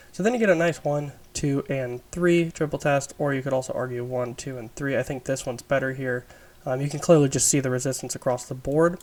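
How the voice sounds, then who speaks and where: A man with a raspy, under-the-weather voice gives an informal, explanatory chart review as an instructor, thinking aloud as he goes. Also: mid-range voice. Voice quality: raspy, smoker's-rasp sound. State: sick, raspy voice. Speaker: trading instructor.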